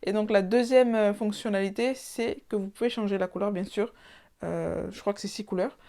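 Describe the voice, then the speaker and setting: A woman's voice: mid-range voice, steady tone, normal speed, dark tone. A woman doing a casual product review, thinking aloud and often restarting her sentences. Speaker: tech reviewer.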